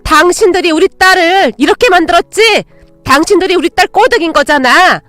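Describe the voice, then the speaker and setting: A woman voicing a harsh, greedy middle-aged mother who scolds and shouts at her grown daughter. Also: very high-pitched, sing-song, normal speed, dry recording, soft background music, voice pushed up, exaggerated voice. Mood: scolding.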